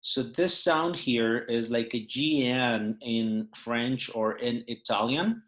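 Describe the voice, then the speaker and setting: A man who speaks natively, going through a phrase sheet in English, unhurried and with many fillers. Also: mid-range voice, a bit bright. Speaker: Spanish teacher.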